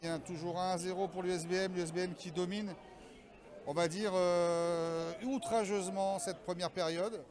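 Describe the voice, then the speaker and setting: A man's voice: high voice, steady tone, moderate pace. A man giving emphatic, opinionated live football analysis, often repeating his phrases. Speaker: football co-commentator. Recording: loud stadium crowd behind, outdoors. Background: loud crowd.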